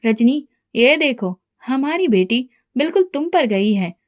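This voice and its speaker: A tender, coaxing young husband and father speaks gently in a storybook reading, as a woman reads him in her own high voice. His manner stays loving and patient. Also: lively intonation, measured pace.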